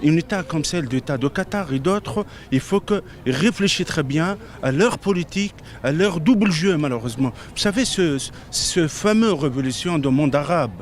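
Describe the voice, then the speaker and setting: A man's voice: on the high side, expressive, a little hiss or hum. Earnest man from Tunisia, outdoors. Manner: earnest, halting, repeats words. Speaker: protester. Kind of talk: street interview statement. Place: outdoors on a city street.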